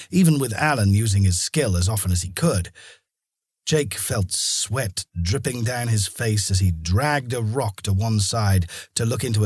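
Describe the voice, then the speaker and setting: A man narrating a fantasy audiobook in a steady storytelling manner. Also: on the low side, slightly rough, no room sound, studio quality. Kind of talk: scripted narration.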